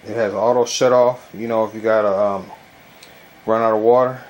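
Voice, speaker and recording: A man talking casually and haltingly in a home product review, with a stuffy nose as if packed with gauze. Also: fairly low pitch, steady tone. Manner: loose, colloquial, halting with frequent verbal tics. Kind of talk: casual rambling video review. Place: bedroom at home. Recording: noisy home recording, clear background noise.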